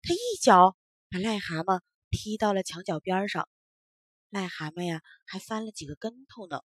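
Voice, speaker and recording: A woman telling a children's story with lively, swooping intonation and frequent exclamations. Her voice sits fairly high with a husky grain, recorded close and dry. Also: normal speed, no room sound. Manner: expressive, animated storytelling.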